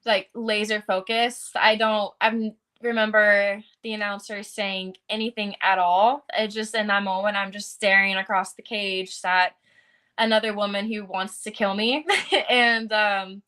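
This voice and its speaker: A woman's voice: medium pitch, fairly even intonation, measured pace, pushed and bright, clear, resonant tone. A young adult woman fighter answering interview questions in an earnest, casual way, with frequent fillers.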